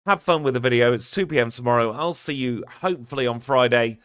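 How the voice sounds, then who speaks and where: A man's voice: medium pitch, quick pace, fairly bright tone, no room sound, clean studio sound. Chatty man streaming a game. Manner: chatty, upbeat, thanks viewers one by one. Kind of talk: live stream sign-off chat.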